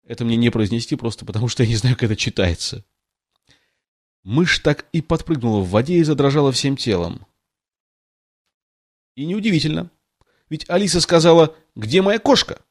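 In a clean, echo-free studio recording, a man reads a storybook aloud casually and now and then breaks off to comment on the text. His medium-pitched voice is expressive, at a moderate pace with frequent pauses.

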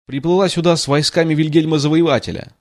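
A man's voice: a little high, fairly even intonation, quick pace, lightly acted. A man voicing a chatty, tactless little girl who gushes and rambles in a storybook reading. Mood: gushing, eager. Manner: gushing, rambling, apologetic chatter.

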